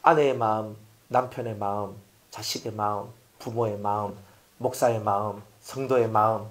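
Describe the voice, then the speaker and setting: A male pastor preaches a sermon with emphatic repetition, putting rhetorical questions to the congregation and dropping from loud appeals to near-whispers. He has a lowish voice, fairly even intonation, and a normal speed.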